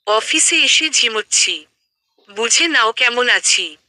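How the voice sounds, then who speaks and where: A woman's voice: fairly high pitch, animated, takes it slowly, pushed and bright, dry recording, heavily acted. A woman voicing an affectionate, teasing young man talking to his fiancée on the phone in an audio story. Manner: playful, teasing.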